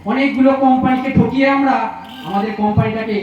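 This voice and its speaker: Hammy, high-voiced young schemer, played by a man. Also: fairly even intonation, fast talker, noisy background. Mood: brash, scheming. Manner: hammy, exclamatory stage delivery. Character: scheming, cocky younger man cheating in family business. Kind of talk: Bengali jatra folk theatre acting. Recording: dull, echoey, far-off stage recording with music.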